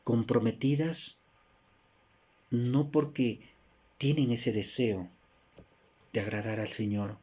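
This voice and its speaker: A Peruvian man with a Peruvian Spanish accent preaches a sermon, posing rhetorical questions and moving between emphatic rises and soft drops. His medium-pitched voice is slightly rough with fairly even intonation, and he speaks slowly with long pauses.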